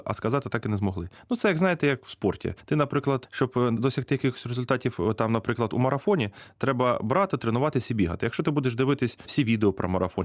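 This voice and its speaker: A man with a Ukrainian accent, a language teacher answering interview questions with lively examples and comparisons. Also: medium pitch, no echo, studio quality. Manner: fast, animated explaining with examples and analogies.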